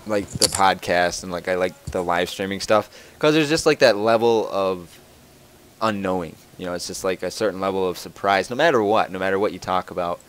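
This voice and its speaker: A young man with a fairly low voice chats casually on his own podcast. He rambles and jokes as he answers listener questions, full of fillers and false starts. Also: fairly quick. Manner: rambling, joking, lots of fillers and restarts. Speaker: podcast host.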